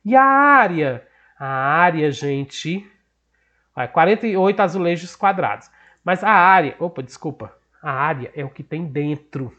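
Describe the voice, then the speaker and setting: A man's voice: a little high, lively intonation, unhurried, sharp tone, muffled recording. A man with a northeastern Brazilian accent, a teacher explaining a math lesson patiently, asking and answering his own questions. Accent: Brazilian Portuguese, northeastern.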